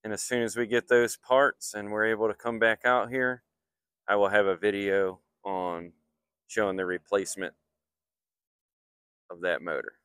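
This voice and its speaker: A man's voice: on the low side, little pitch movement, normal speed, pauses often, a bit bright, clean tone, dry recording, clean studio sound. A man working as an HVAC technician, explaining a repair step by step in a matter-of-fact way while he works outdoors on a rooftop, filmed on a handheld phone. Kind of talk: hands-on repair walkthrough. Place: outdoors on a flat commercial rooftop.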